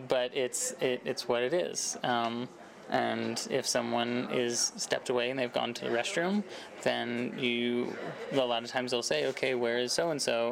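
A man's voice: medium pitch, creaky. A man from Arkansas, a filmmaker, explaining his work casually in an interview. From Arkansas, United States. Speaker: filmmaker and lead actor being interviewed.

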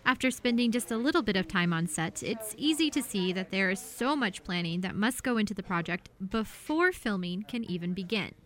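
A woman's voice: mid-range voice, animated, a little fast, hardly any pauses, fairly bright tone. A woman reporter reading scripted narration for a radio news feature.

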